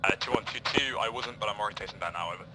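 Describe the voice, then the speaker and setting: Brief: male military-sim player, very fast clipped radio talk, lowish voice, walkie talkie sound with clear noise. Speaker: player in a military simulation game. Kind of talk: terse military radio chatter.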